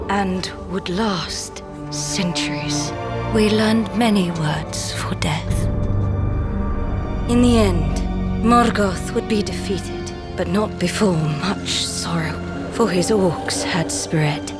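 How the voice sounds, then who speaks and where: An actress playing a determined elf warrior commander in a fantasy series, speaking in a solemn, measured, resolute way. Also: female voice, medium pitch, over loud music. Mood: solemn, grave. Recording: loud film score over dialogue.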